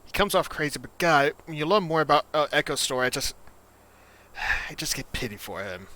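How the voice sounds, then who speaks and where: Bright-voiced man musing over a solo game. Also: on the high side, big pitch swings, a little fast. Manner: reflective, thinking aloud with sighs. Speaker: solo game player and narrator. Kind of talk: narrating a solo tabletop game.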